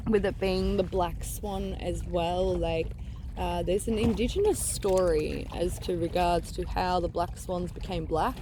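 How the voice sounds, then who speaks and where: Woman vlogging outdoors beside rushing water. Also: on the low side. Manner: earnest, digressive, trailing off mid-thought. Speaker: spiritual vlogger giving psychic energy guidance. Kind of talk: casual rambling monologue to camera. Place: outdoors on a beach at the water's edge. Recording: outdoor recording with clear water noise.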